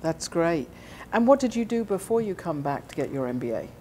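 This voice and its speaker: Woman interviewer with a low, mellow voice. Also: very animated, slight background noise. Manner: friendly, halting, with many fillers. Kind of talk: asking interview questions.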